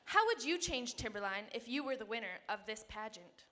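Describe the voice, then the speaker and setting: A woman's voice: on the high side, expressive, brisk, bright, forceful tone. A woman co-hosting a pageant, putting questions to contestants on stage in an echoey, slightly noisy hall. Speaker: pageant co-host. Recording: echoey hall, some background noise.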